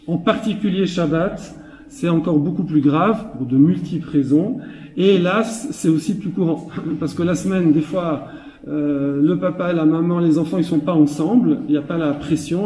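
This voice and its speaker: His pitch is fairly high but his tone is dark as he leads a relaxed Torah lesson woven with anecdotes. This rabbi chuckles a lot and repeats words for emphasis, captured at a distance in an echoing hall.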